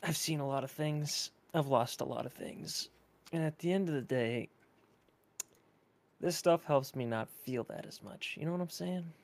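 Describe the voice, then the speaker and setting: A man's voice: on the high side, normal speed, creaky, darkish tone. A man voicing a world-weary, hard-drinking man who gives rambling, fatherly advice to a kid.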